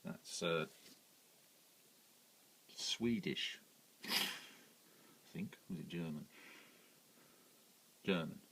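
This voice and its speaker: A man's voice: low voice, very slow, pauses often, fairly bright tone, husky, rough recording. A British man casually showing his record collection, rambling with plenty of ums and self-corrections. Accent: British English. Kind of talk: casual show-and-tell vlog.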